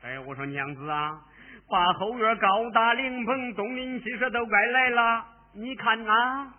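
A meek henpecked young master, very high voice, slow, tinny phone sound. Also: male voice, a crowd in the background. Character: weak-willed young master, henpecked husband. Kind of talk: Henan opera spoken dialogue.

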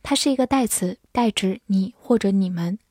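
A woman teaching English vocabulary, spelling words letter by letter and reading example sentences slowly and carefully. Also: mid-range voice, mellow, breathy edge, dry recording, studio quality. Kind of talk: vocabulary lesson narration.

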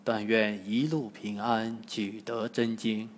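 A stern storybook monk master , as a man puts him on, measured and unhurried. The voice moves through a lively pitch range and sits in a long reverberant hall. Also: a little hiss or hum. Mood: resigned. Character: stern, gentle-hearted male monk master.

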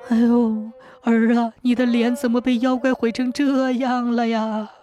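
A woman's voice: high-pitched, fairly even intonation, moderate pace, darkish tone, soft background music, pitched above the performer's own voice, natural voice. A woman voicing an old landlord's wife in a folk tale, talking in a whining, coaxing way.

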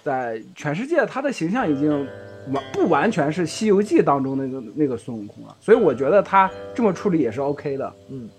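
A man's voice: a little high, sing-song, brisk, soft background music. A man co-hosting a casual podcast discussion, talking in a chatty way with laughs and hesitant restarts. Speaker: podcast co-host.

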